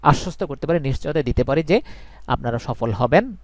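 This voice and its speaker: A man's voice: on the high side, expressive, fairly quick, dry recording. A man, teaching English in a live online class, earnest and reassuring, repeating points for emphasis. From Bangladesh.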